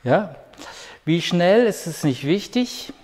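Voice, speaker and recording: A man teaching a home yoga class, giving calm, patient step-by-step cues with a clip-on mic. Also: sits high, slow. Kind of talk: guided yoga instruction. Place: room at home. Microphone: clip-on microphone. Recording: long hall reverb.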